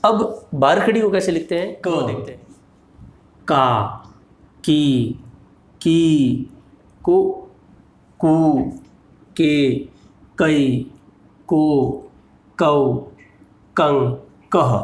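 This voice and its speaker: A man teaching a slow, patient lesson, spelling letters out one by one. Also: fairly high pitch, echoey room.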